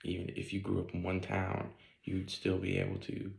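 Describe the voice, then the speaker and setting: Deep, gravelly man from Ohio. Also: completely flat delivery, moderate pace, a little mellow, reverberant, poor audio. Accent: Northeast Ohio. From Northeast Ohio. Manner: rambling, many ums and likes. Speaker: student. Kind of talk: casual class video presentation.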